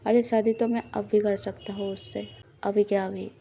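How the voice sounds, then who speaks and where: A woman's voice: medium pitch, level tone, normal speed, vocal fry, warm tone, a little hiss or hum, close to an everyday voice. A woman voicing a drunk, boastful young man who blusters and threatens in an audio love story. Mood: blustering.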